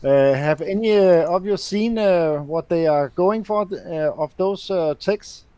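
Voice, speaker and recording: A man hosting a live show, reading game release notes aloud in a halting way with many fillers and restarts. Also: high-pitched, warm tone, smooth, dry recording, rough recording.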